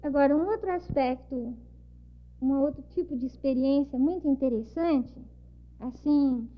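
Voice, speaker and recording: An interviewee from São Paulo, Brazil, a woman with a São Paulo Portuguese accent and a high voice, recounts travel memories as a lively storyteller who acts out dialogue. She speaks a little slowly, and the recording is dull and lo-fi.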